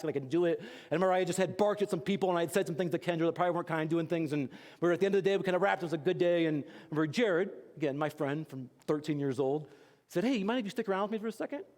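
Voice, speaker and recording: A man's voice: a little high, a little mellow, big-room sound. A man preaching a sermon as a pastor, telling stories in a conversational way with casual fillers and building to urgent calls to action. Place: church.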